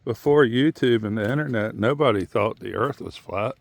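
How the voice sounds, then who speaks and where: Male outdoor vlogger, low and gravelly, rambling and plain-spoken, thinking aloud on a walk. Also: moderate pace, no echo. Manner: musing, plain-spoken, drifting between thoughts. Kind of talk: rambling outdoor monologue while walking. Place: outdoors on a muddy tidal shore.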